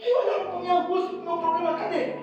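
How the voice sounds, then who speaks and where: A Brazilian pastor preaching a sermon, telling his story with emotion and breaking into shouts. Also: very high voice, steady tone, racing, very echoey, distant mic, dull audio, over music.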